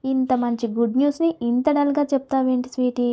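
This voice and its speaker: A woman's voice: sits high, fairly even intonation, fairly quick, mellow, dull audio, lightly acted. A woman voicing a brash, caring young man who teases and coaxes casually. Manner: coaxing, casual.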